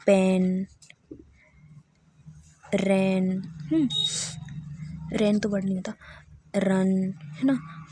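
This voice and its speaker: A woman's voice: mid-range voice, dark tone, slightly rough, no echo. Woman teaching a literature lesson. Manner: checks in with listeners often, repeats key terms.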